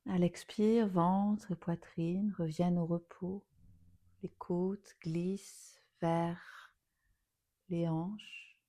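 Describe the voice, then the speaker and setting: Leading a yoga nidra session, this woman speaks in a lowish, steady voice with a calm, unhurried pace. Her phrases fade gently toward a whisper as she guides the relaxation.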